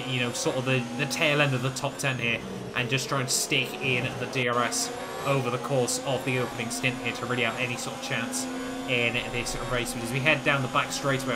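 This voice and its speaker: A man's voice: mid-range voice, heavy background noise. A man giving conversational, rambling commentary on a racing video game he played. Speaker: gaming video host, league racer.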